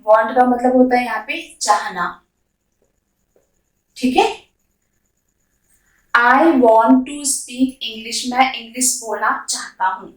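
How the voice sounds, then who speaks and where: A woman English teacher with a fairly high voice gives a beginner language lesson, saying each example phrase slowly and carefully. She places slow, drawn-out model sentences between quick explanations. She sits back from the mic in an echoey room, so she sounds distant.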